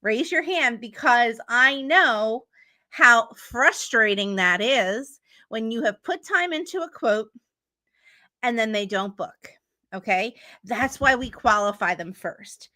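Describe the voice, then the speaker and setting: A woman's voice: fairly high pitch, lively intonation, takes it slowly, bright, forceful tone. A woman teaching travel agents how to qualify clients, chatty and upbeat, often checking in with "okay?". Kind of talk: teaching talk to an audience.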